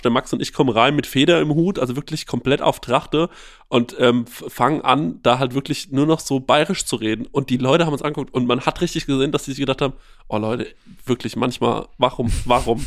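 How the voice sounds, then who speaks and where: A man's voice: mid-range voice, no room sound. Chatty man telling stories, dry sound. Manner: animated storyteller, many fillers. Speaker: podcast host, guest here. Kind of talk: casual interview chat.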